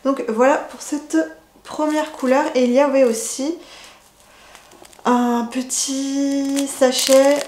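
A woman talks slowly and haltingly, often pausing on fillers and restarting her words. Her voice sits fairly high. The recording is roomy and echoey, with a faint hiss behind her. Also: darkish tone. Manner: hesitant, many fillers and restarts. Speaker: knitting vlogger. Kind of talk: casual unboxing chat.

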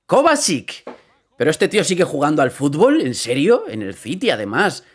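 Excitable man reacting to football. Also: on the high side, normal speed, husky. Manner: excitable, swearing, repeats phrases. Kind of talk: live reaction commentary.

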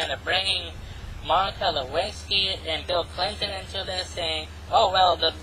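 A vlogger talking through an online voice changer that pitch-shifts the voice to sound female, rambling casually with many ums and restarts. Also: bright, forceful tone, a little hiss or hum, low-quality recording. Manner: halting, full of ums and restarts. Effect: pitch-shifted voice changer, meant to sound female. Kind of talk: casual rambling vlog monologue. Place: home, hot climate.

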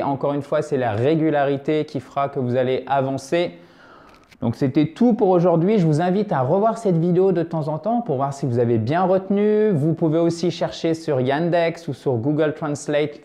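A man teaching a language lesson online, patiently repeating words slowly and often checking in with his viewers. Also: fairly high pitch, dark tone. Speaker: Russian teacher.

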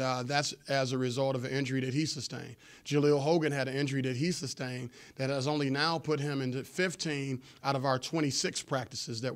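A man in his forties, a head coach answering postgame press questions in a measured, explanatory way with frequent fillers, seated at a table microphone in a press room. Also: medium pitch. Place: press room before a sponsor backdrop. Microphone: table microphone in front of him.

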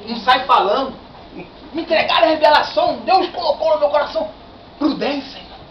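A middle-aged man giving a fervent lay sermon in a workplace meeting room, animated and pacing, shouting at the peaks, filmed by a far-off camera. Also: extremely high pitch, fairly quick. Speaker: lay preacher. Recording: echoey, distant, dull lo-fi with noise.

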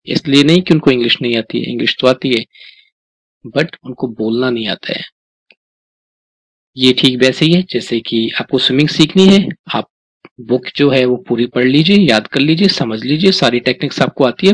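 A man with an Indian accent teaches spoken English in a Hindi-English lesson. He drills short phrases slowly and checks in with the listener as he goes. His voice is slightly husky and sounds dry and close, with little room sound. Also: medium pitch, animated, no echo, low-quality recording. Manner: coaxing, checks in with "ठीक है?".

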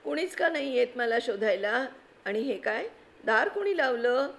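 A woman's voice: on the high side, lively intonation, normal speed, creaky, pitched above the performer's own voice. Woman doing small boy, storybook, innocent, puzzled, childlike questions.

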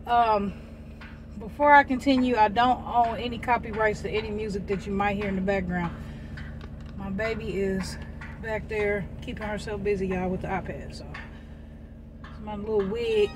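An American woman talks casually to her viewers from behind the wheel. Her words have a slightly slushy, gummy edge because she has no dentures in. She is folksy and candid, with a mid-range pitch, and clear road noise sits behind her. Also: steady tone, moderate pace. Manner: folksy, candid, often addressing viewers as y'all. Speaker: vlogger, stay-at-home mother. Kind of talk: casual vlog chat while driving. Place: inside a car while driving. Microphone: phone clipped in the car. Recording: noisy car interior, road noise.

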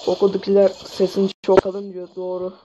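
A man with a sore throat giving excitable gameplay commentary, swearing at the game as he plays. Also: high-pitched, moderate pace. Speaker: gaming channel host. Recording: dull lo-fi mic with faint hiss.

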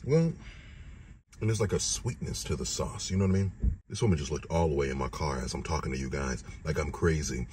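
A man's voice: a bass voice, fairly quick. A man in his thirties with a lisp and slushy s sounds gives a casual, joking, sweary food review. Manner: animated, joking, profane. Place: inside a car, driving and parked. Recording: car interior with road noise. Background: vehicle noise.

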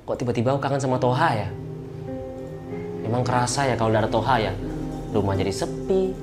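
A man's voice: mid-range voice, fast talker. A man acting a neighborhood head in a comedy sketch, grumbling and chatting in an ordinary mid-range voice. Music plays steadily behind him. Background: background music.

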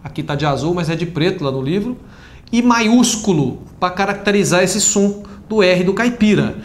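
High-voiced man teaching pronunciation. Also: lively intonation, echoey room. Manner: demonstrates sounds slowly and stretched. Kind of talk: explanatory lesson.

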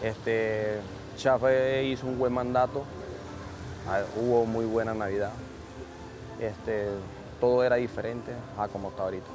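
A man in his thirties with a Venezuelan accent speaks earnestly at a mid pitch, often pausing on fillers. Music plays under his voice as he is recorded outdoors at a shelter. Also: fairly even intonation. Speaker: migrant father. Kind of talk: street interview.

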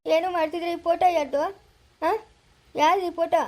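A man's voice: very high-pitched, steady tone, brisk. A weeping old father, played by a man in a home-made village drama, pleads with his son through his tears. He sounds poor, worn out and heartbroken. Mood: tearful. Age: older. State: crying. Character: aging father, poor laborer, grieving over his son. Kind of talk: amateur village drama acting.

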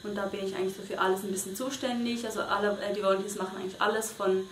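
A woman's voice: medium pitch, steady tone, very fast, music in the background. A young woman from Switzerland answers interview questions in a casual, hesitant way, with many fillers and restarts. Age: young adult. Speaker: volunteer interviewee. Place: small bedroom indoors. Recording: echoey room with faint noise.

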